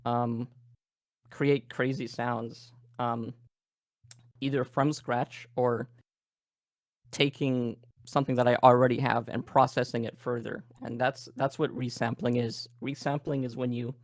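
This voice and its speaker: A Canadian man talks through a live workshop demo in a relaxed, thinking-aloud way, full of fillers. His voice is gravelly and his pitch stays flat. The sound is dry and close, like a video call mic. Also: unhurried, no room sound. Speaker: game audio presenter.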